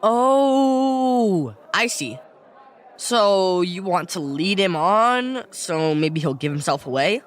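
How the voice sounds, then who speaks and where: A wisecracking teenage schoolboy who whines and jokes with a lively, bouncing pitch. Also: slow pace. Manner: whiny and joking.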